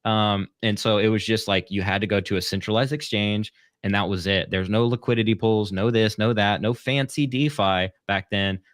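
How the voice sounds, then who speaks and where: Low-voiced rambling male guest. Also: steady tone, normal speed, hardly any pauses, no room sound, studio quality. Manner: rambling, hesitant with many fillers. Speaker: guest, content creator. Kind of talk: casual interview chat.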